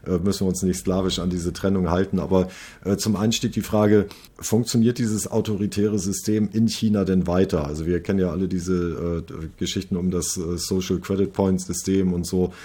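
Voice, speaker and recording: A man's voice: low voice, flat delivery, normal speed, mellow, slightly rough. A man conducting an interview, asking long conversational questions with many fillers. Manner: conversational, thinking aloud with fillers.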